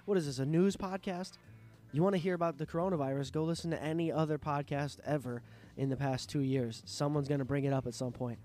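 A man's voice: a little high, steady tone, fast talker, darkish tone, soft background music. A man hosting his own podcast, sick with a sore throat and a nasal voice, rambling and swearing in a casual monologue. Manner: rambling, profane, self-interrupting. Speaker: podcast host. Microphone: studio microphone.

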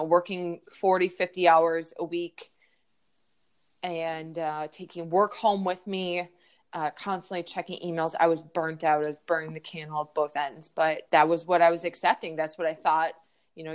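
A woman's voice: on the low side, clean tone. A woman, a yoga teacher, telling a personal story frankly and with feeling, using many fillers.

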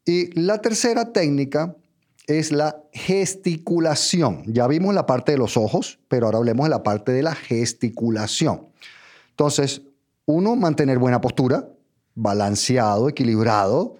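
A man giving a public speaking lesson, talking straight to the listener in numbered steps and checking in with a quick "ok?". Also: medium pitch, animated, a little mellow. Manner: direct, addresses listener as tú, numbered steps, frequent "¿ok?". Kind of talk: instructional talk.

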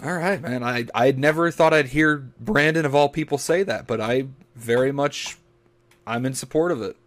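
A man's voice: medium pitch, normal speed. Crude joke-telling man. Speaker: podcast co-host. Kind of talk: casual podcast chat.

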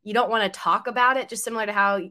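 A woman's voice: medium pitch, fairly even intonation, rapid-fire, sharp tone. A woman co-hosting a podcast, friendly and a little self-deprecating in casual chat. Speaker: podcast co-host.

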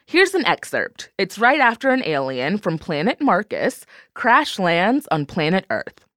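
A woman's voice: medium pitch, very animated, unhurried, fairly bright tone. A woman hosting a podcast, delivering scripted narration in a friendly storytelling manner. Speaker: podcast host.

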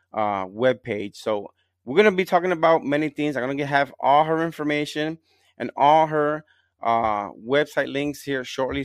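A man's voice: mid-range voice, no room sound. Rambling male podcast host. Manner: rambling, repeats himself. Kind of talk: casual interview.

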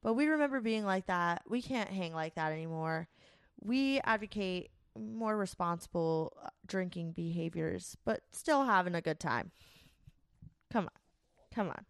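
A woman's voice: lowish voice, lively intonation, unhurried, smooth, no room sound, studio quality. A young adult woman co-hosting a podcast, chatting casually, swearing and laughing often. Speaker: podcast co-host. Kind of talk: casual chat.

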